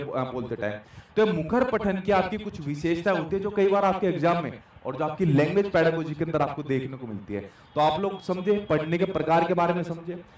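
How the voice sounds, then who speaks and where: Young guy teacher, highish voice, keeps repeating stuff n asking the class questions. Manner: explains with repetition and rhetorical questions. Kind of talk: exam-prep lecture. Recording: echoey room, distant mic.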